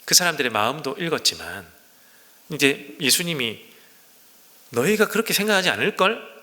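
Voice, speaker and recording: Bright, lively preaching man in a reverberant church. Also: medium pitch. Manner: animated, emphatic preaching with rhetorical questions. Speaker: pastor. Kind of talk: sermon. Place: church sanctuary. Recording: long reverb of a church hall.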